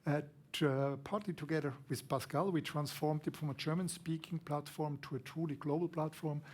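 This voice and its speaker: Guy from austria on a panel, slightly high, husky voice, explains stuff calmly. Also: fairly quick. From Austria, raised in Switzerland. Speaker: panelist, impact investor. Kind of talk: panel discussion.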